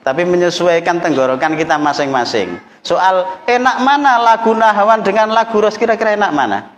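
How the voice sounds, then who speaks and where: A man's voice: high voice, lively intonation, moderate pace. A man from East Java with a Javanese accent leads a workshop for Quran teachers. He jokes with the group and breaks into melodic chanting to show each tune. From East Java, Indonesia. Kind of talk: workshop lesson with chanted demonstrations. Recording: echoey hall with long reverb.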